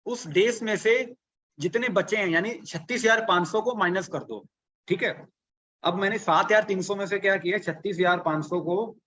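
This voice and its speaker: High-voiced man coaching a live webinar. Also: a bit bright, muffled recording. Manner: repetitive, rhetorical questions, walks through arithmetic step by step. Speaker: online business coach. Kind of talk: live online workshop.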